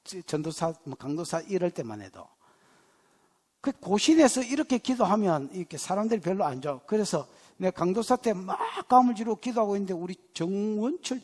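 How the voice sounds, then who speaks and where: Middle-aged pastor guy, gyeongsang dialect, husky voice swinging all over, big reverb hall. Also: sits high. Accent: Gyeongsang Korean dialect. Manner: animated, joking storyteller who teases the congregation. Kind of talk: sermon with personal stories. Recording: long church hall reverb.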